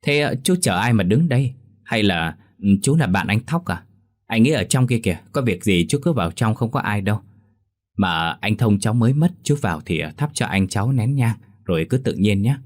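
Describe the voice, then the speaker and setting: A man's voice: fairly low pitch, lively intonation, brisk, no echo, clean studio sound. A man voicing a polite, hesitant young village man who stumbles over his words. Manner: hesitant, polite, filler-heavy.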